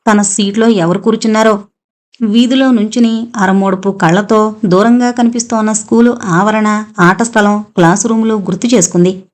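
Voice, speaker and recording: A woman narrating a novel as an audiobook in a calm, even storytelling manner. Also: mid-range voice, moderate pace.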